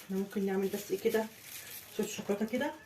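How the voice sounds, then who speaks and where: Egyptian woman home baker, mid-pitched, chatty step-by-step cake tutorial, faint noise behind. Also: rapid-fire, mellow. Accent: Egyptian Arabic. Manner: chatty, talks viewers through each step. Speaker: home baking vlogger. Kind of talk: casual cake-decorating tutorial.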